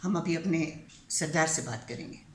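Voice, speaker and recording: An older woman storyteller voicing a rough, suspicious male highway robber who calls out loudly, in a roomy recording. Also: close to an everyday voice. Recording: roomy echo, faint background hiss.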